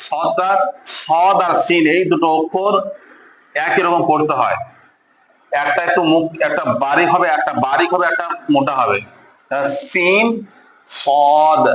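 A man's voice: a little high, roomy sound, low-quality recording. A man teaching beginners the Arabic letters in a class, patiently repeating each letter and drawing out the sounds. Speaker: Quran reading teacher. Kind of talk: beginner Arabic alphabet lesson.

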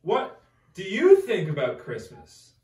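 A man's voice: high voice, wildly swooping pitch, slow pace, darkish tone, distant mic, slight background noise. A man hosting a goofy comedy podcast, teasing his co-host and hamming up mock-dramatic bits. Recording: roomy sound from off the mic, music behind.

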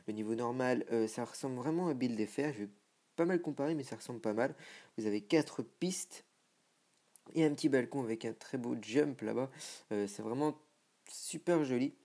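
A young man who makes gaming videos tours a game server, offering casual, self-mocking commentary full of filler hesitations. His mid-range voice has a dark tone and moves at a normal speed.

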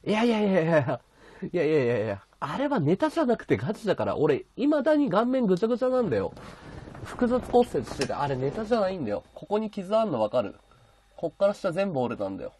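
A man's voice: high voice, huge pitch swings, quick pace, dark tone, breathy edge. A man hosting a casual livestream from his bedroom, chatting and thanking his viewers as he reads their comments. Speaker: livestream host. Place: bedroom at home.

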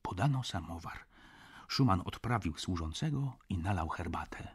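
A man reading an audiobook as narrator, with quiet, subdued narration tags. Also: low voice, lively intonation, normal speed, slightly rough. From Poland. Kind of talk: scripted narration.

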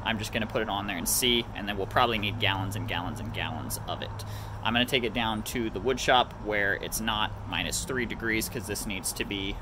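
A man's voice: on the low side, brisk, noisy background. A young man chatting casually through a farm DIY vlog, joking and explaining as he works. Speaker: farm vlogger. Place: outdoor farm yard and workshop.

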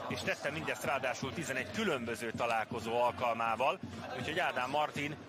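A man's voice: mid-range voice, crowd noise. A man giving live football commentary as the match unfolds. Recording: loud stadium noise behind voice.

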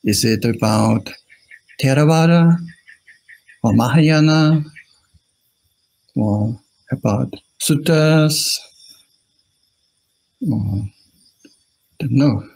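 A middle-aged monk with an Austrian accent gives a friendly dharma talk over a video call from a small indoor room, joking, chuckling in asides, and putting questions to his online audience. His medium-pitched, darkish, creaky voice is very slow with long pauses, captured in a low-quality recording.

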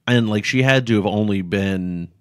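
A man's voice: fairly low pitch, moderate pace, no echo, studio quality. A young adult man co-hosting a casual film podcast, easygoing, often agreeing and recapping the story. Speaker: podcast co-host.

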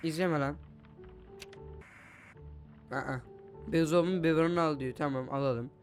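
A man's voice: on the high side, steady tone, unhurried. A young man doing jokey horror game commentary, swearing casually and talking to the game baby and his viewers. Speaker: gaming YouTuber. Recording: music playing underneath.

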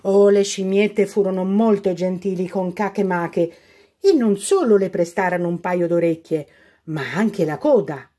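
A woman reading a children's fairy tale aloud as a storyteller, expressive and unhurried. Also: mid-range voice.

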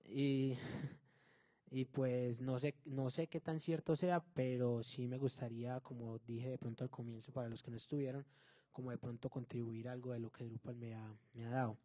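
A man's voice: medium pitch, level tone, moderate pace, dark tone, no room sound. A man giving an informal comment in a modest, tentative way. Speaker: conference attendee. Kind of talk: informal self-introduction and comment.

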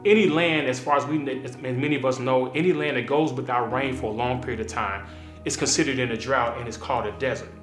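A pastor in his thirties talks to the camera in a relaxed, unhurried devotional style, filling pauses with ums and uhs. His voice sits at a middle pitch. The room sounds roomy, and soft instrumental music plays underneath. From Kansas City area. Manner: relaxed, conversational, filler-heavy. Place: small indoor studio with desk.

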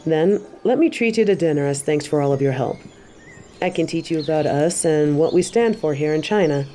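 Roleplay audio: composed female tiger martial arts master, acted by a woman, stern yet warm-hearted, dark mellow tone, slight background ambience. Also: low-pitched, expressive, a little hiss or hum. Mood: friendly. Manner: measured, composed, speaking directly to the listener. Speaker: voice actor in a fan roleplay audio. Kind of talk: scripted roleplay addressed to the listener.

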